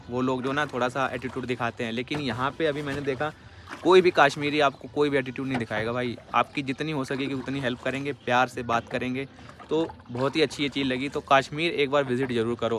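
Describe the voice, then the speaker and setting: A man's voice: mid-range voice, fairly bright tone. Male travel vlogger, chatty and friendly, filming himself outdoors on a lake boat with a handheld camera, faint background noise. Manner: chatty, keeps calling the viewer "bhai". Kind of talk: casual travel vlog.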